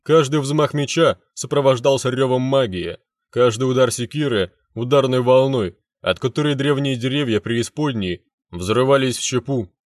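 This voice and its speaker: A man's voice: medium pitch, normal speed, few pauses, dry recording, studio quality. A man reading a first-person fantasy story aloud with intense, dramatic delivery. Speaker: narrator.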